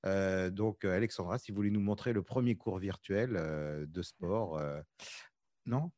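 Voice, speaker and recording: A male host guiding a conversation segment, halting and filling pauses as he goes. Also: sits low, mellow, dry recording. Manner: halting, filler-heavy, lots of "voilà". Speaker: radio host.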